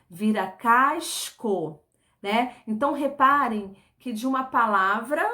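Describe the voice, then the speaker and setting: Slow, patient Brazilian woman teacher. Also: on the high side, fairly bright tone. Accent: Brazilian Portuguese. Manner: slow, patient, repeats words and syllables, frequent tag questions. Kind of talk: recorded online class for children.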